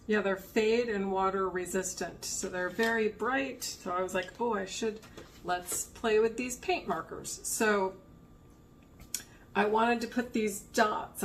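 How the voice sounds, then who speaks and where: A woman's voice: mid-range voice, fairly bright tone, a little hiss or hum. A woman giving a casual, rambling show-and-tell as an art vlogger, thinking aloud as she goes.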